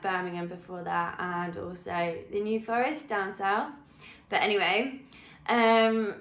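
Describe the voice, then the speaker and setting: A woman's voice: medium pitch, fairly bright tone. Chatty English woman in an echoey room. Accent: English, London. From England. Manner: chatty, rambling, with frequent ums and laughs. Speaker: personal trainer. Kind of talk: casual chat to camera.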